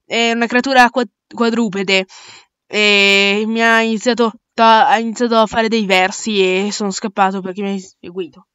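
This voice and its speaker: A woman's voice: medium pitch, steady tone, moderate pace, a bit bright, smooth, no room sound, studio quality, lightly acted. A woman playing a jumpy male space crewmate. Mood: rambling. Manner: rambling, restarting mid-word. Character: young male crewmate explorer, jumpy and talkative. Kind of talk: amateur audio drama.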